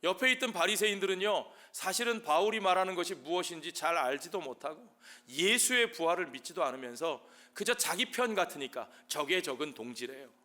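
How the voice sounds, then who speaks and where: A male pastor preaching a sermon, briefly acting out the voices of the people he quotes, shouting some lines and hushing others. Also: high voice, animated, a little fast, hardly any pauses.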